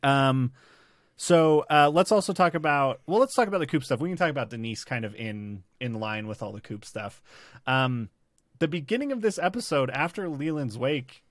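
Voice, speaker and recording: A man's voice: medium pitch, expressive, normal speed, no echo, clean studio sound. A man hosting a podcast, talking casually and rambling with lots of fillers and restarts. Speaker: podcast host. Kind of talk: casual chat about a TV series.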